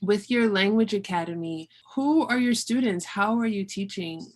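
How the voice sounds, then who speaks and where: A woman's voice: medium pitch, moderate pace, a little mellow. A woman hosting a conversational interview, speaking emphatically and repeating phrases for stress. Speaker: podcast host, interviewer.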